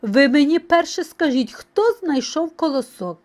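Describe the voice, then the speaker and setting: Woman voicing a high, calling storybook rooster. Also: lively intonation, a little slow. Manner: calling out brightly. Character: hardworking patient male rooster. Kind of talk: storybook reading.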